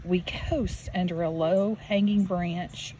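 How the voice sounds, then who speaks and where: Out by a farm pond, a teacher reads to young children and addresses them directly in an instructive way. Her voice is on the low side, steady, slow and mellow. The low-quality outdoor recording includes a running creek and animal sounds.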